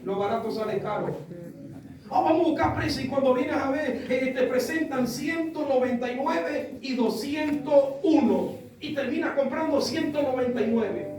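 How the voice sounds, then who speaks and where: A man with an Argentine accent preaching a sermon, impassioned and rising to shouts, telling stories to his congregation. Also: extremely high pitch, moderate pace, hardly any pauses. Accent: Argentine Spanish. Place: church hall with congregation. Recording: echoey church, mic far off.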